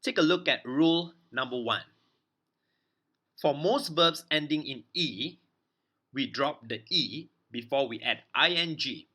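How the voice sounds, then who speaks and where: A male teacher walks learners through spelling rules at a very unhurried pace. His voice is bright and forward, and he says each example word deliberately, often twice, spelling out letters one at a time. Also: fairly high pitch. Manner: spells out letters and repeats words slowly for learners. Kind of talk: slow explanatory grammar lesson.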